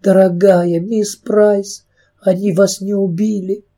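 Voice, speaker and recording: Frightened storybook girl, sobbing pleas, pitched high, voiced by a man. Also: level tone, takes it slowly, dark tone, exaggerated voice. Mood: tearful. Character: tearful frightened young girl.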